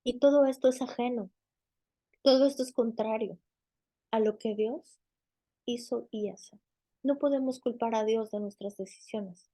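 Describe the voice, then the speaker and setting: A woman gives a teaching sermon in a high, mellow voice. She talks to the listener directly and conversationally, often putting questions to them and using everyday fillers. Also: measured pace, long pauses. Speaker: Bible teacher.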